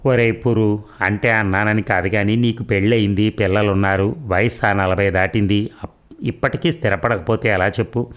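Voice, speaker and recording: A man voicing a sharp-tongued, anxious housewife in her sixties who scolds and mocks in a sarcastic way. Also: on the low side, fairly even intonation, moderate pace, natural voice. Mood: scolding, worried.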